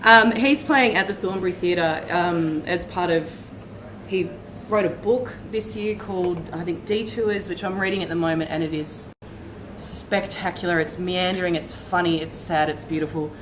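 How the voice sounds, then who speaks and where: A woman's voice: on the low side, noisy background. Breathless Australian woman rattling off gigs. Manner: rapid, breathless list reading. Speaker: co-host reading the gig guide. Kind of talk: live pub chat show. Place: pub venue.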